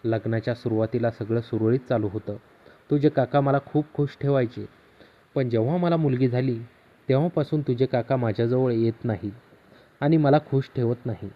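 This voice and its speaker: A man's voice: mid-range voice, moderate pace, close to an everyday voice. A man voicing a teasing, lonely, middle-aged neighbor aunt in a storybook tale, keeping his own plain voice. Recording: slightly dull lo-fi audio.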